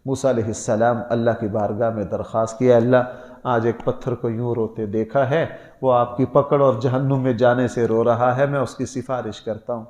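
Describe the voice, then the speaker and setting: A man preaching a Quran lesson in Pakistani-accented Urdu, his voice of middling pitch. He tells stories earnestly and climbs to emphatic peaks. The room around him rings with echo. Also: steady tone, a little mellow, muffled recording. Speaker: Islamic scholar giving Quran lesson. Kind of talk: sermon.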